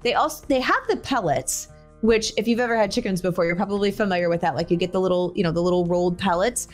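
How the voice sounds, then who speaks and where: A woman's voice: on the low side, fast, soft background music. A woman in her forties hosting a podcast from a small home room, talking in a casual, chatty way through a headset. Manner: chatty, conversational, gestures while talking. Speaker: podcast host. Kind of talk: casual solo podcast talk. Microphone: over-ear headset.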